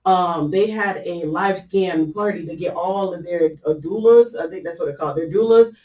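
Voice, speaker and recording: A woman's voice: on the low side, normal speed, darkish tone, distant mic. Chatty woman in an echoey room. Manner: chatty, loose, many fillers, breaks into laughter. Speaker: vlogger sharing a personal faith story. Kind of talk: casual personal storytelling. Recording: echoey room, voice set back from the mic.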